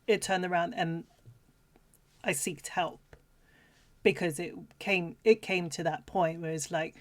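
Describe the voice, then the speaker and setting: Young woman, co-host, reflective, halting, slow-paced. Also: fairly low pitch, steady tone. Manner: halting, many fillers and restarts, reflective. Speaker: podcast co-host. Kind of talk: casual chat.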